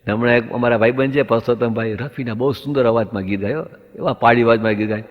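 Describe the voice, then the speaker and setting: In a dull, lo-fi recording drenched in long hall reverb, a mid-range male comic tells stand-up stories at a quick pace. His intonation stays fairly even as he voices both sides of the conversation on the way to the punchline.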